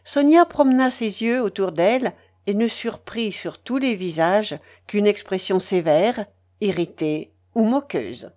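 A woman narrating a classic novel as an audiobook in an expressive, theatrical way. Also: medium pitch, unhurried. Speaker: audiobook reader.

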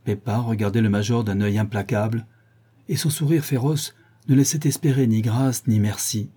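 A man narrating a classic novel as an audiobook in a measured, expressive way. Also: fairly low pitch, breathy edge.

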